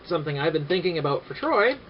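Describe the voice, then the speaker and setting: A man vlogging casually about his camera gear, rambling and halting with many filler sounds and dry sarcastic asides. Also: a little high, sing-song. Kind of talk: casual gear-review vlog. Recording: dull lo-fi audio with faint noise.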